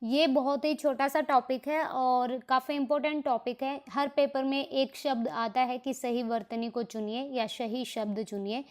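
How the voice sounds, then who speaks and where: A woman with a Haryanvi accent teaching a grammar lesson for exam preparation, explaining slowly and repeating each example word. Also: high-pitched, fairly even intonation.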